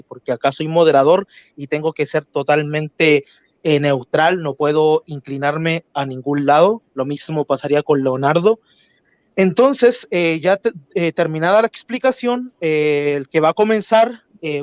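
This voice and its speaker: Chilean man, moderator, courteous, hesitant, slightly high voice, dull dry sound. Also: dry recording. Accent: Chilean Spanish. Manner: measured, courteous, hesitant with frequent fillers. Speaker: debate moderator. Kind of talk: live-stream debate moderation.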